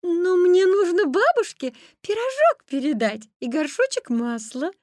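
Lady putting on a sweet polite little girl, high and bouncy, dry close sound. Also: big pitch swings, a little slow, a little mellow, dry recording, exaggerated voice. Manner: polite, wondering.

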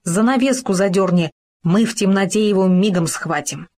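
A woman's voice: mid-range voice, moderate pace, a little mellow, natural voice. A woman voicing a cautious, dignified male gopher in a children's story, speaking earnestly and proudly.

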